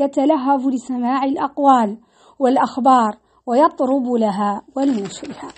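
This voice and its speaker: A woman narrating a historical story in an expressive, dramatic reading style with shifting emphasis. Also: high voice.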